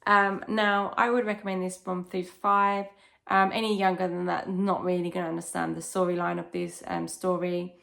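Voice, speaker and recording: A woman's voice: lowish voice, flat delivery, moderate pace, creaky, fairly bright tone. A young woman chatting casually and enthusiastically as she recommends children's books, explaining things in simple, rambling phrases. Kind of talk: casual chat, book recommendations.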